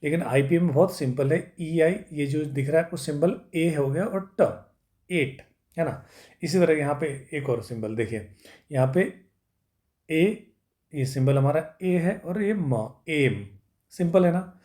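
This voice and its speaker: A man's voice: on the high side, dark tone. A man teaching English pronunciation, sounding words out sound by sound and checking in with his students after each point. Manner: patient, drawn-out syllable by syllable sounding out. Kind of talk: spoken English lesson.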